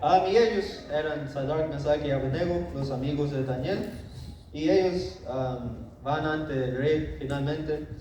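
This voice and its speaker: A man's voice: on the high side, unhurried, dark tone. A man preaching an informal Bible lesson to his congregation, talking in a conversational way, often asking "right?" and acting out the king's lines. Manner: conversational, acts out the king's lines, tag questions. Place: church hall. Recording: echoey hall, voice from far off, background noise.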